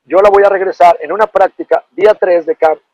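The recording is dry and muffled, carrying a brisk, high-sitting male voice. A middle-aged Mexican man, once a football player, spins a casual anecdote in a Mexican Spanish accent, animated and peppered with profanity and slang.

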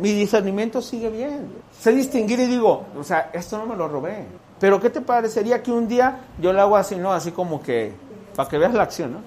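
A man's voice: high voice, slight background noise. A man with a Mexican accent gives a casual church sermon, often asking his listeners questions. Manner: conversational, asks the listeners questions. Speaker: church speaker.

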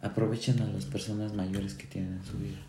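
A man's voice: fairly low pitch, flat delivery, brisk. A man with a Mexican accent hosting a casual podcast, talking in slang and prompting his guest to keep going. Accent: Mexican Spanish. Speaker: podcast host. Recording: roomy echo, faint background noise.

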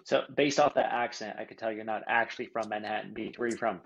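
Podcast host guy, kinda husky, upbeat chatty, muffled dull audio. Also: on the low side, steady tone, fast, fairly bright tone. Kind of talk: casual interview.

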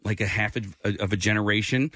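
A man's voice: on the low side, steady tone, brisk, pushed and bright, no echo. Forties male co-host, rambling and self-deprecating, dry close mic, radio chat. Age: 40s. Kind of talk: casual chat.

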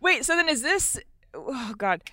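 A woman's voice: high-pitched, very animated, bright, forceful tone. Blunt teasing woman in her thirties. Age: 30s. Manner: blunt, teasing, quick to laugh. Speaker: podcast guest, stand-up comedian. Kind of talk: casual chat. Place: inside a parked van.

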